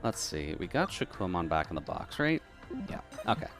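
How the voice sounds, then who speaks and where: A man's voice: sits low, sing-song, moderate pace, music in the background. A man with a metallic, tin-can robot filter on his voice, chatting casually with viewers and muttering to himself as he plays a game live. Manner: chatty, mutters while playing, reads chat aloud.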